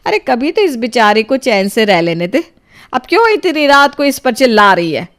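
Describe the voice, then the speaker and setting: A woman's voice: on the high side, sing-song, moderate pace, fairly bright tone. A woman voicing a scolding old grandmother who spoils her granddaughter, in a cartoon storybook. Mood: chiding. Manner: indulgent, chiding.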